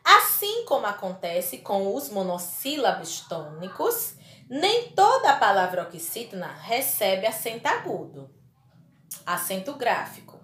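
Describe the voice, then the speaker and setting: A woman's voice: mid-range voice, huge pitch swings, measured pace, fairly bright tone, roomy sound, a little hiss or hum. A woman teaching a primary school lesson to children, speaking in an affectionate, emphatic way and stretching out key words. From Brazil. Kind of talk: recorded classroom lesson for children.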